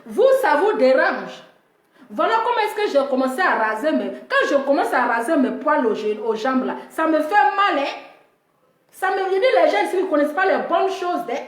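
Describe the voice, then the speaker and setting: A woman from Africa telling a comic story about herself, animated, jumping into high squealing voices when she mimics other people. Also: moderate pace, roomy sound.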